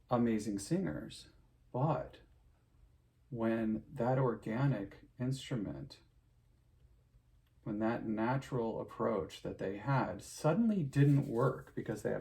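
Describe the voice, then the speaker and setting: A middle-aged opera singer chats loosely with his viewers, his medium-pitched voice carrying some vocal fry. He rambles, with lots of fillers and restarts, and ends with warm parting advice.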